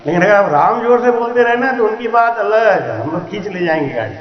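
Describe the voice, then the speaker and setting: A man singing devotional verses in long, drawn-out lines and preaching at a night gathering through a handheld mic. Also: high-pitched, echoey room, dull audio. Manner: slow drawn-out singing, then quick lively preaching to a crowd. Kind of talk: devotional singing and satsang sermon. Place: night gathering before a crowd.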